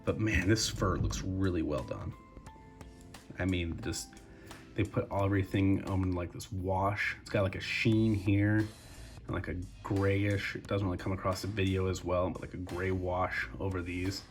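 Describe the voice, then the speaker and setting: A man's voice: deep voice, unhurried, faint music behind. A young man with a congested voice, breathing through his mouth as he chats casually through a toy review. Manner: relaxed, chatty, addresses viewers as guys.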